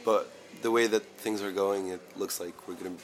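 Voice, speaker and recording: A man plays bass in a band and talks in an animated way, swearing casually and laughing. His voice sits a little low. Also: moderate pace. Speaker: bassist. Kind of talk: casual interview chat.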